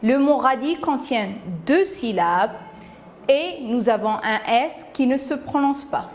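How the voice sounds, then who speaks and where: A woman teaches a recorded phonics lesson for small children. Her voice is rather high and her delivery is extremely slow, with each word repeated and split into syllables. A faint hiss of ambient noise sits underneath. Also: animated, a little mellow. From Morocco. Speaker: primary school teacher.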